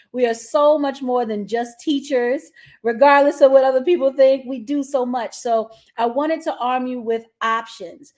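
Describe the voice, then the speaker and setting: A woman hosting a live-streamed interview, upbeat and talking directly to her viewers. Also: a little high. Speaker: host.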